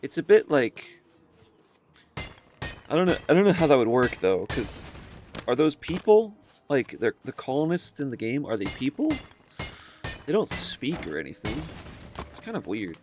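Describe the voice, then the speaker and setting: A man's voice: medium pitch, very animated, moderate pace, pauses often, a little mellow, a little hiss or hum. A man hosting a casual let's-play, thinking aloud as he plays and often rambling and correcting himself. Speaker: gaming video host.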